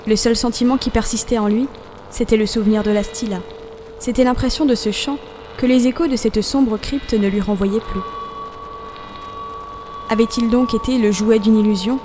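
A woman narrating a classic novel as an audiobook, in a measured, expressive storytelling voice over a music bed. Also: fairly high pitch, slight background noise.

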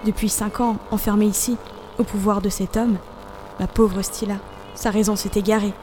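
A woman's voice: medium pitch, little pitch movement, moderate pace, mellow, a little hiss or hum, lightly acted. A woman reading the part of a frantic young male count in an audiobook, speaking in anguished, desperate bursts over music.

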